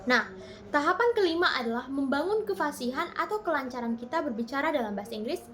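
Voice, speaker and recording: High-voiced woman teaching English step by step. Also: lively intonation, fast talker, a bit bright, slight background noise. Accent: Indonesian. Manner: explains step by step, switching between two languages. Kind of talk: bilingual spoken lesson.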